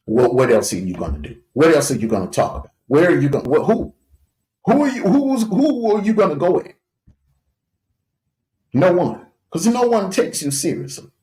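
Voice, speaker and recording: A livestream host with a mellow, mid-range male voice delivers a taunting, jeering commentary rant full of scornful laughs, recorded in an echoey room.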